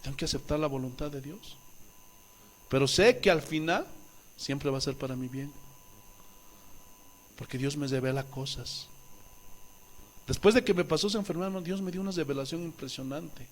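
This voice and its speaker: High-voiced, impassioned male pastor preaching. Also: normal speed, long pauses. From Bolivia. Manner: impassioned, swings from loud exclamations to quiet asides; acts out quoted voices with wailing and pleading tones. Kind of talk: sermon.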